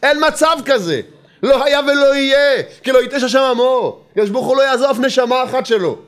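Man teaching Torah, very high voice, insistent and repetitive, rhetorical questions. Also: clear, resonant tone. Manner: lively, mixes in humor.

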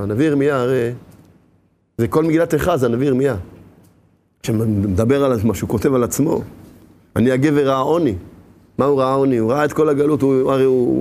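A man's voice: mid-range voice, darkish tone, slight background noise. A man giving an emphatic sermon as a rabbi, asking rhetorical questions and swinging his voice up and down.

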